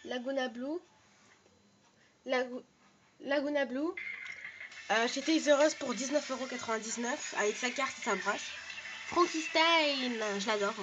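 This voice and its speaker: A woman's voice: high voice, normal speed, long pauses, noisy background. A woman in her bedroom giving a casual show-and-tell of her toy collection, chatty and full of hesitations as she reels off prices.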